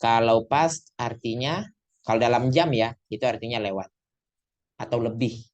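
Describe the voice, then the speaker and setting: Speaking at a normal speed in a medium-pitched voice, a male tutor teaches English in an online class via video call. The computer mic gives it a lo-fi sound, and his talk is chatty, mixing English phrases into the explanations.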